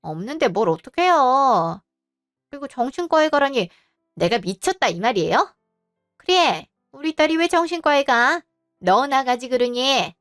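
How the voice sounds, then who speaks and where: Woman as a bullying mother-in-law, high, dry, scolding and scornful. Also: very animated, unhurried, fairly bright tone, no echo, soft background music, full character voice. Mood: dismissive. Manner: scolding, contemptuous, talks down. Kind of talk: Korean audio drama acting.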